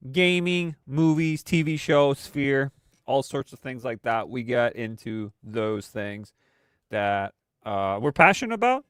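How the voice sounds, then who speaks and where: A man with a slightly high, fairly bright, smooth voice hosts a weekly live stream, recorded in clean studio sound with no room echo. Still recovering from a cold, he sounds congested. His casual commentary rambles, packed with fillers and restarts.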